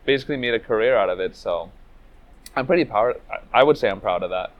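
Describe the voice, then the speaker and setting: Low-voiced man, reflective. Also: expressive, quick pace, lo-fi sound. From Venezuela, raised in Trinidad. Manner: reflective, loose, with frequent "like" and "you know". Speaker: speedrunner interviewee. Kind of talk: casual interview storytelling.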